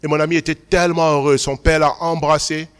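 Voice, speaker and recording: A man's voice: fairly high pitch, little pitch movement, a little fast, clear, resonant tone. Man preaching in a reverberant church hall. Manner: emphatic preaching, drops to quiet storytelling. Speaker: pastor. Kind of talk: sermon. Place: large church hall at a Sunday service.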